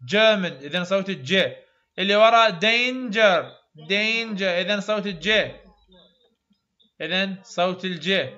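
Iraqi-accented male phonetics teacher, high bright voice, slow drill repeats, muffled class recording. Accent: Iraqi Arabic. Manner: repeats sounds slowly, praises students often.

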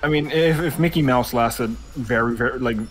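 A man's voice: medium pitch, normal speed, faint music behind. A young man co-hosting a gaming video with casual chat over the gameplay.

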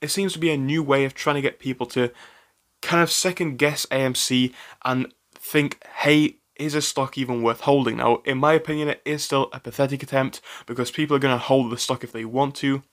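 A man's voice: mid-range voice, a little fast. A man hosting a stock commentary channel, talking in a chatty, opinionated way with frequent fillers and restarts. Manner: chatty, animated, with frequent fillers and self-corrections.

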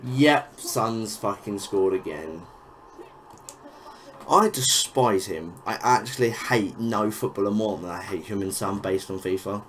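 A man's voice: fairly low pitch, unhurried, a bit bright. A young man giving casual, frustrated gameplay commentary, swearing and exclaiming over each goal. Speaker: gaming YouTuber.

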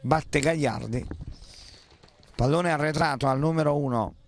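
A man commentates a local football match. He follows the play in short phrases that lift with the action. The sound is outdoors, with clear noise behind him. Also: on the high side. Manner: measured play-by-play in short phrases, rising excitedly at shots and goals.

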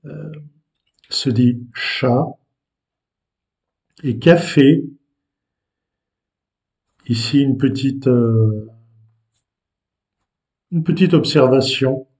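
A man teaching vocabulary to learners, patient and explaining with hesitant pauses. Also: mid-range voice, vocal fry, a little mellow. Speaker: language teacher.

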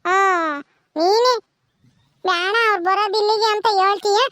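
A woman's voice: very high voice, steady tone, moderate pace, a bit bright, dry recording, studio quality, voice pushed up. A woman voicing a naive, stubborn young woman in a cartoon, speaking in a sulky, childlike whine. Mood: defiant.

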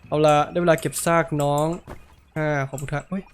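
A man's voice: on the high side, fairly even intonation, a little fast, background noise. A man giving playful, jokey let's-play commentary from home, yelping and taunting enemies. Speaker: gameplay commentator. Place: home room.

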